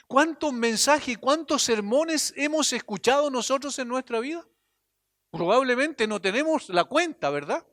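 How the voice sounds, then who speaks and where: A man preaching a sermon as a pastor, earnest, swinging between emphatic lines and hushed drops, sometimes repeating and restarting phrases. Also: high voice, no room sound, clean studio sound.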